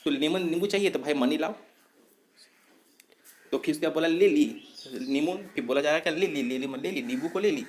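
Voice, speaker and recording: A man's voice: fairly high pitch, fairly bright tone, a little hiss or hum. A man teaching a lesson on memory tricks, explaining step by step, asking himself questions and answering them, and correcting his own slips. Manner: explanatory, repeats points, asks and answers himself. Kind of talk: exam-prep mnemonic lesson.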